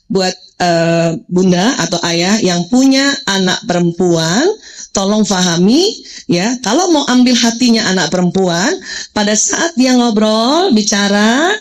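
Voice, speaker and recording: A woman's voice: medium pitch, low-quality recording. A woman in her forties giving a religious parenting talk to mothers, joking and quizzing the audience. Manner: playful, jokes and quizzes the audience.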